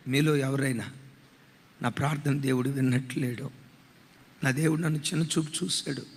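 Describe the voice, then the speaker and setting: A man's voice: medium pitch, fairly even intonation, moderate pace, breathy edge, big-room sound. A man preaching a sermon with emotional, dramatic storytelling, acting out the voices of the people in his story. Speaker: pastor.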